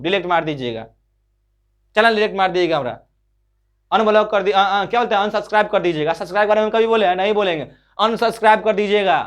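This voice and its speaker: A man's voice: high-pitched, a bit bright. A man teaching a school exam lesson, repeatedly asking rhetorical questions and answering them himself while calling his listeners brother. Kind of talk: board exam chemistry lesson.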